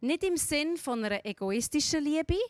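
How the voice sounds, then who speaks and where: A woman's voice: high-pitched, lively intonation, normal speed, no echo, clean studio sound. Earnest Swiss German woman preaching. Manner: earnest, storytelling, asks the listener direct questions. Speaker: speaker giving a devotional talk. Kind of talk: sermon.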